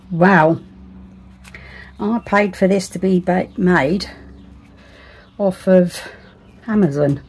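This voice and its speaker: A woman's voice: fairly low pitch, a little hiss or hum. A woman crafting at home, thinking aloud in chatty, self-deprecating asides that sometimes drop to a whisper. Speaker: resin crafter. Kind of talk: casual crafting commentary.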